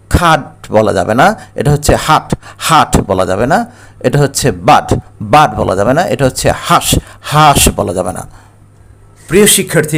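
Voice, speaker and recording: A man, an English teacher giving a recorded lesson. He explains step by step and reads each English phrase slowly. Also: a little high. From Bangladesh.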